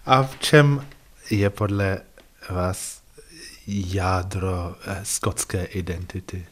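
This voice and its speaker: A man with an English accent, a native English speaker, asking measured interview questions. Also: sits low, steady tone.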